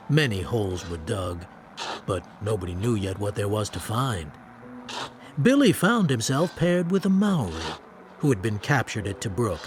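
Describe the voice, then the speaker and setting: In a radio drama, a male actor voices a reflective war-veteran narrator, recounting a grim story in a measured, understated, matter-of-fact tone. His medium-pitched voice sounds close to how he'd speak every day.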